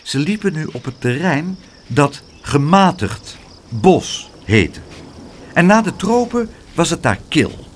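A man reading a children's storybook aloud in a lively, expressive way. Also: fairly high pitch, slow pace, slight background noise.

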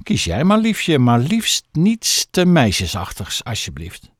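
A man voicing a grateful, gentle old male tramp for an audiobook, talking in a doting way. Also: medium pitch, huge pitch swings, measured pace, breathy edge, dry recording, studio quality, exaggerated voice. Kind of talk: audiobook character voice.

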